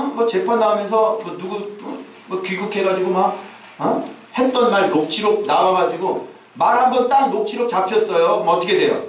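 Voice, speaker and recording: A male pastor preaching a sermon, talking to the congregation with constant rhetorical questions and casual asides. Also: high-pitched. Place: church sanctuary. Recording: very echoey church hall, mic far off.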